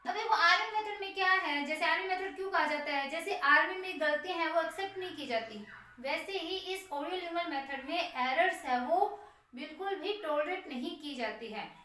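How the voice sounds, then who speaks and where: A woman's voice: extremely high pitch, normal speed, sharp tone. A woman teaching a class, explaining a lesson and answering her own questions while writing on the board. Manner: writes on a board while speaking. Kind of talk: classroom lecture. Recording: very echoey room, far from mic.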